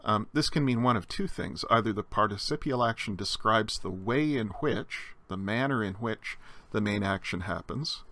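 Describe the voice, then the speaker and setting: Bright-voiced man explaining grammar. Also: fairly low pitch, expressive, moderate pace, slight background noise. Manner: explanatory, frequent uh fillers and restarts. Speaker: Greek lecturer. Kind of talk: recorded slide lecture.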